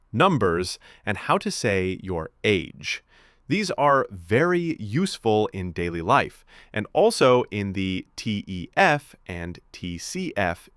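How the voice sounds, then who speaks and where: A man's voice: medium pitch, a bit bright, no echo, studio quality. A man teaching a beginner French lesson, encouraging and enunciating each word for students to repeat.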